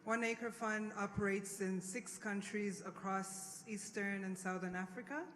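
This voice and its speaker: A woman describing her organization's work on a panel, steady and with many fillers. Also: mid-range voice, a little slow, slight background noise. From Rwanda. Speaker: NGO staff, panelist. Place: large conference hall. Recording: reverberant conference hall, faint ambience.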